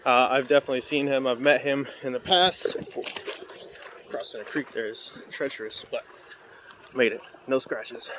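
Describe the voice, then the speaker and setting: A man's voice: medium pitch, slight background noise. A man recording a casual phone video of himself on an outdoor trail, chatting and rambling with plenty of "uh"s while he walks with a heavy sandbag. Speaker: vlogger and parkour coach. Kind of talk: casual talking-to-camera vlog. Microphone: cheap phone held while walking.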